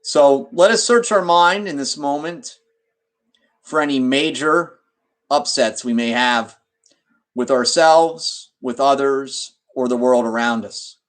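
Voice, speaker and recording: A man with a mid-range voice leads a guided meditation, giving instructions deliberately in short phrases and pausing mid-sentence.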